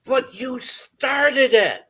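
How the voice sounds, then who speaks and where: A man with a Maine accent in casual chat, telling an animated story and laughing, his voice leaping up when amused. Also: very high-pitched, extremely slow, slightly rough.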